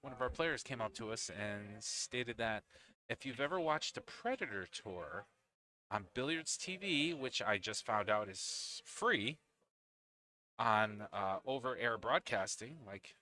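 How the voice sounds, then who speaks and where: A man giving live play-by-play at an amateur pool final, his voice bright and forward with a lot of lift and fall in the pitch. He chats easily with his partner between shots. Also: expressive, measured pace. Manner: chatty, talks to co-commentator between shots. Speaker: pool match commentator. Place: indoors at a pool league venue.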